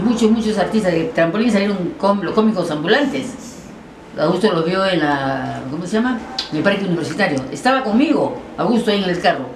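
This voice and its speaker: Older woman, quick and lively interviewee, lowish voice, echoey room with faint noise. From Peru. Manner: lively, acts out voices in her anecdotes. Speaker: interviewee, former TV presenter. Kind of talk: animated storytelling interview.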